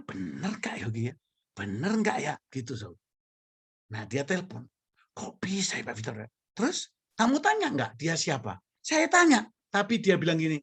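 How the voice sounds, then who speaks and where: A man's voice: a little high, fairly bright tone, no room sound. A male pastor, preaching and telling a story, acting out the dialogue and laughing often. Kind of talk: sermon storytelling.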